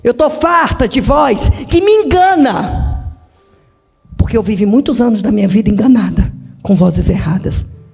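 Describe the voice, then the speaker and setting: A woman pastor preaching a dramatic sermon in a church, swinging from shouts to hushed tones. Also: on the high side, expressive, measured pace, gravelly, breathy edge, big-room sound. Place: church hall.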